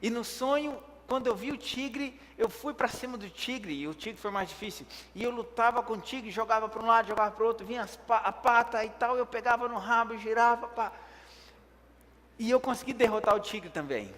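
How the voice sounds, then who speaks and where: A preacher telling a personal story in a sermon. He acts out his own words, picking up in the action and dropping low in prayer. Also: brisk. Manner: lively when telling the action, hushed in prayer. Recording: echoey hall reverb.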